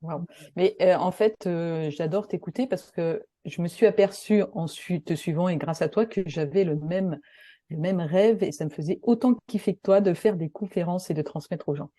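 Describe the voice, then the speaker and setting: A woman's voice: fairly low pitch, normal speed, dark tone, no room sound, studio quality. A woman co-hosting a casual interview, enthusiastic and full of fillers. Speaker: interview co-host.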